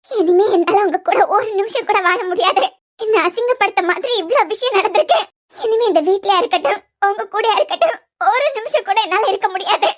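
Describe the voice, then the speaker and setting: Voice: animated, fairly quick. A voice actor playing a hurt but resolute young wife in a cartoon serial, with a Kanyakumari Tamil accent, pleading yet firm. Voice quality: very high, bright voice.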